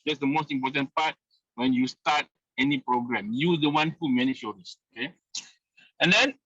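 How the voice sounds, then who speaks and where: A man speaks on a car speakerphone while driving, his voice fairly high and sharp-edged. The call audio is muffled and lo-fi but dry, with no room echo. He pitches persuasively, hammering his points home with a steady stream of "okay.". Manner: persuasive, keeps repeating "okay" and key points. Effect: speakerphone call from a moving car. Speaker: investment group leader. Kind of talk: sales pitch on a video call. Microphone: phone or car speakerphone on a video call.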